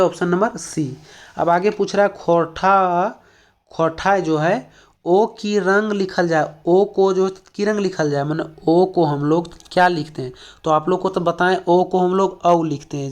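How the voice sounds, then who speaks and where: A man from Jharkhand teaching an exam-prep language lesson, explaining step by step with lots of fillers and repeated questions to the class. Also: sits high. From Jharkhand, India.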